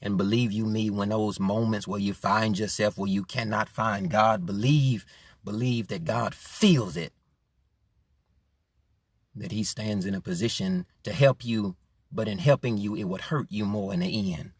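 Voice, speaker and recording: A man preaching a sermon with passion, repeating his phrases and swinging from quiet to loud. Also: fairly low pitch, unhurried, breathy edge, no room sound, studio quality. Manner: impassioned, repeating phrases, rising and falling in force.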